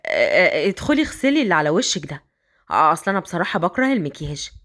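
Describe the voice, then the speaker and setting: A woman with an Egyptian accent voicing a smitten older rich man who coaxes in slow, drawn-out lines. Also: lowish voice, sing-song, fairly bright tone, pitched below the performer's own voice. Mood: coaxing. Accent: Egyptian Arabic.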